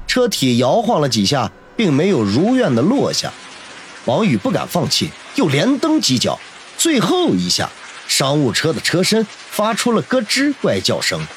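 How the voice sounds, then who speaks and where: A man narrating a novel in a dramatic, expressive storytelling voice. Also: a little high, slight background noise. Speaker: audiobook narrator.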